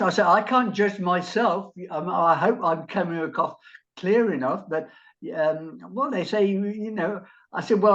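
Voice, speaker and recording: A man's voice: high-pitched, lo-fi sound. A man with a southern English accent chatting in a rambling, hesitant way with many fillers. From south of England. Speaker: guest conversation partner. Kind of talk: casual conversation.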